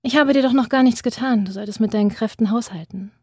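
A woman voicing a calm male serial killer in a reading, speaking quietly and deliberately. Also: a little high, slightly rough, dry recording, studio quality. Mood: cold, calm.

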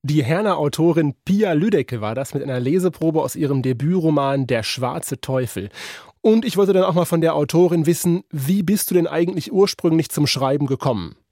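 A male radio host with a warm, mellow voice presents a book in a smooth, conversational way. The sound is close and dry, straight from the studio mic. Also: a little high, animated, moderate pace, no room sound. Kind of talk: radio interview.

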